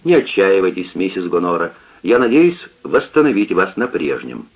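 A man voicing an agitated young gentleman in love, urgent and pleading, heard as a tinny radio recording. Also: sits low, very animated, normal speed, husky, exaggerated voice. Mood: relieved.

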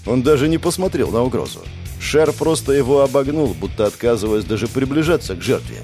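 A man narrating a fantasy audiobook in an expressive, dramatic reading. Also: mid-range voice, fairly quick. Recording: faint background music.

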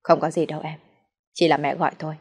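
A woman's voice: low-pitched, flat delivery, fast talker, breathy edge. A woman reading the part of an uneasy, evasive young husband in an audio story.

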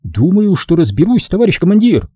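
A man voicing a cheerful young female partisan radio operator in an audiobook, with a bright, eager, lifted voice. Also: high-pitched, very animated, fairly quick, husky, dry recording, clean studio sound, pitched above the performer's own voice, full character voice.

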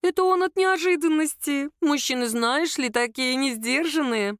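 A woman's voice: high voice, normal speed, dry recording, studio quality, pitched above the performer's own voice, close to an everyday voice. Woman doing a fussy scheming mother-in-law. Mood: fussing. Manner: fussing, coaxing, then scolding in hushed tones.

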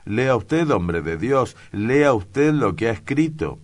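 A man's voice: rumbling low, animated, unhurried, darkish tone, heavily acted. A man voicing a stern male official who gives orders and reasons with a commanding tone.

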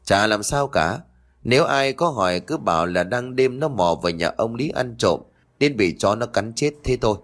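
A man voicing a cruel, abusive middle-aged rich woman who shouts insults at her servants. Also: mid-range voice, expressive, normal speed, close to an everyday voice. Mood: furious.

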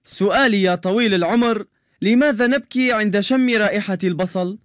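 A playful young male joke-teller from a children's radio drama. His voice sits high and the sound is close and dry, without room echo. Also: fairly quick, fairly bright tone. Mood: informative. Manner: cheerful, playful storyteller. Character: cheerful joke-telling young male quiz contestant. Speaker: radio show character who answers quizzes and tells jokes.

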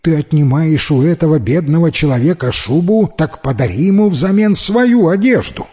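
A man voicing a clever, brave young wife in a storybook tale, lifting his voice higher and speaking emphatically. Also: unhurried, slightly rough, long reverb tail. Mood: indignant. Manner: raised pitch, lively and emphatic. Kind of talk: storybook reading.

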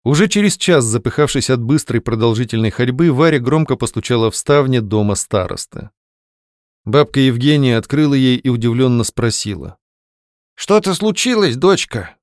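A man narrates a novel as an audiobook in a measured, expressive voice. His pitch sits in an ordinary middle range, and the recording is dry and close, with no room sound. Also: no room sound. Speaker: audiobook reader.

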